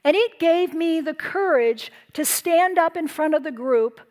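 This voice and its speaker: Woman speaker, high voice, earnest and emphatic, inspirational stage talk. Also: lively intonation, a little slow, a little mellow. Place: stage before a live audience.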